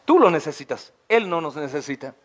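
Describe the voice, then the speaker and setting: Pastor guy preaching hard, high voice, keeps saying brothers, goes way up on the big questions. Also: lively intonation, brisk. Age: over 40. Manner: impassioned preaching, rising to high emphatic questions; often addresses listeners as brothers. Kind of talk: expository sermon.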